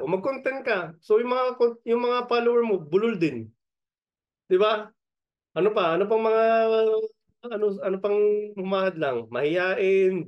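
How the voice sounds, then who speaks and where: Brief: man, Filipino accent, upbeat business coach, repeats his points, laughs a lot, muffled lo-fi sound. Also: high-pitched. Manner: energetic, laughs often, repeats key points. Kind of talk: motivational training talk.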